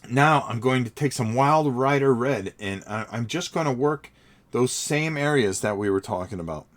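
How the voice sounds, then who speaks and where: A middle-aged man, sniffly from a cold, hosts a hobby livestream and chats to his viewers while he paints. His medium-pitched voice has lively intonation at a normal speed, and he rambles and repeats words as he narrates.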